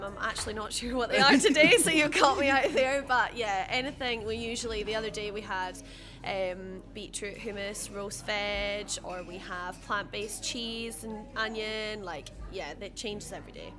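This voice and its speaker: Friendly Scottish woman from the Highlands. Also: normal speed. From Highlands of Scotland. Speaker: cafe worker. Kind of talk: casual interview answers. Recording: music playing under the voice.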